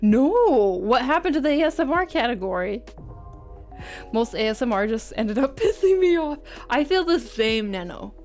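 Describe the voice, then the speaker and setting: An art livestreamer chats casually with her audience, reading viewer comments aloud with giggles and self-deprecating humor. Her fairly high voice has a sing-song lilt and moves at a normal speed, with music in the background.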